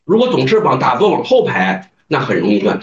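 Fast-talking emphatic man, from afar. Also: mid-range voice, wildly swooping pitch. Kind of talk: group meditation Q&A. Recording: roomy, distant, dull sound.

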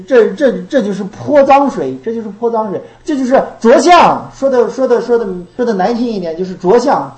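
Woman giving a lively dharma talk. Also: mid-range voice, echoey room, poor audio. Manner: repeats phrases, poses rhetorical questions. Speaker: Buddhist teacher.

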